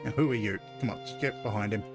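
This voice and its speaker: A man's voice: fairly low pitch, quick pace, music in the background. A man streaming a mystery game, thinking aloud in a hesitant, self-correcting way. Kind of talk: casual gameplay commentary.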